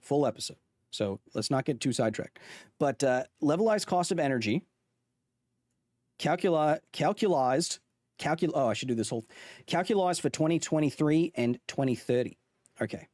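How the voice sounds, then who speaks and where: Streaming to his chat, a man rambles through a chart in a mock Australian accent, constantly restarting and correcting himself. His voice sits fairly high, with lively intonation, normal speed and a slightly mellow quality. The sound is clean studio audio with no room sound.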